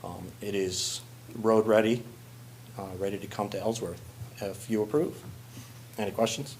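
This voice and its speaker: A man, a fire chief, presenting a request to a city council in a plain, halting way with many fillers. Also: lowish voice, fairly even intonation, darkish tone, slight background noise.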